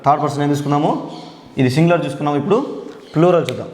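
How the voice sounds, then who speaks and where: A man with a slightly high voice teaches grammar. He says each term slowly and often stops to ask the class a question. The room around him is echoey, with a long hall-like tail. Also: a little mellow. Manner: repeats key words slowly, asks the class questions. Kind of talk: grammar lesson.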